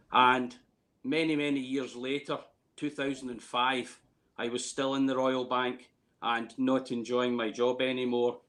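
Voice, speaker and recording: Male, late 50s, Scottish accent; casual interviewee, hesitant rambling storyteller with an average-pitched voice. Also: a bit bright. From Scotland, near Glasgow. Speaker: distillery warehouse tour guide.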